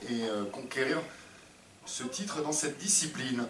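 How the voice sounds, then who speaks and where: A man's voice: mid-range voice, expressive, measured pace, a little hiss or hum. A man giving live combat sports commentary for a broadcast. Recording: echoey, distant, loud music behind.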